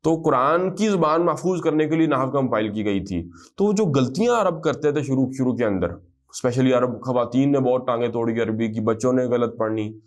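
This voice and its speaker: A man teaching a grammar lesson to a class at a steady, mid pitch. He slows right down to spell out each example phrase, then keeps checking that his students follow. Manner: explanatory, drills Arabic phrases slowly, checks understanding often.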